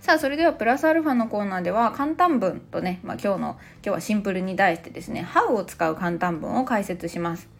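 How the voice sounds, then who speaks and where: A woman's voice: medium pitch, expressive, fast talker, hardly any pauses, soft background music. A woman in her thirties hosting a casual podcast language lesson, playful and chatty as she explains. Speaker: English teacher and podcast host.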